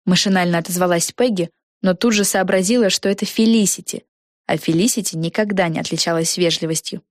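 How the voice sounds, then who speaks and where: A woman narrating a children's fantasy audiobook in a lively, expressive way. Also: lowish voice, brisk, no echo, studio quality. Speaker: audiobook reader. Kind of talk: storybook narration.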